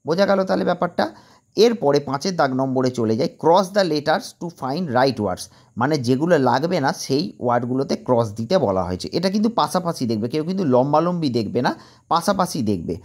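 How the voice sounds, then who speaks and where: Guy teacher going over an exam paper w little kids, slightly high voice, a bit husky, spells stuff out slow. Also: big pitch swings, darkish tone. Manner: patient, spells words letter by letter and translates them. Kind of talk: explaining an exam paper to young children.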